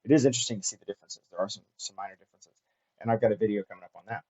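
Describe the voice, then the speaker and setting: Male vlog host, casual and unscripted, fast with halting fillers, somewhat mellow tone, slightly lo-fi recording. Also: fairly low pitch. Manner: halting, filler-heavy delivery with frequent restarts. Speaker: cycling channel host.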